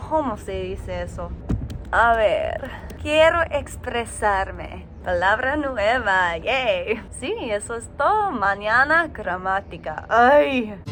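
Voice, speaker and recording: A tired American woman, a native English speaker, records a casual video diary in slow, careful learner's Spanish, searching for words and laughing at herself. Her medium-pitched voice is expressive and a bit bright.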